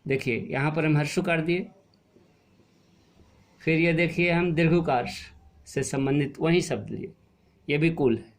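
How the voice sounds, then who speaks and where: A male teacher explaining a Hindi spelling lesson to young pupils, asking questions and answering them himself, and drawing out words slowly to show how they sound. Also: on the high side. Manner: explains patiently, asks and answers his own questions; stretches and stresses words to show pronunciation. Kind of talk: online class lesson.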